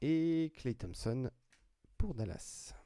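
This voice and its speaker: In clean studio sound with no echo, a man comments live while opening card packs for a trading card break, naming each player as they're pulled. His mid-range voice is warm and slow with lively intonation. He chats freely, using fillers and restarting sentences.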